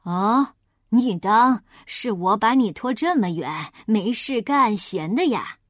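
A woman voicing a hungry, sly father wolf in a storybook reading, talking low and matter-of-fact as he coaxes his prey. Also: lively intonation, slow, no room sound, clean studio sound. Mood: coaxing.

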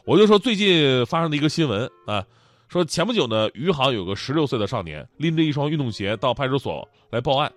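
Speaking fast in a mid-range voice, a man hosts a comedic storytelling session, full of jokes, animation, and frequent laughter. The recording is free of room sound.

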